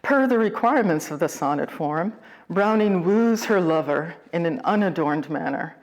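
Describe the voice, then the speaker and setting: Woman poet host, lower voice, measured scripted lecture on form. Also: darkish tone. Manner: measured, deliberate, reflective.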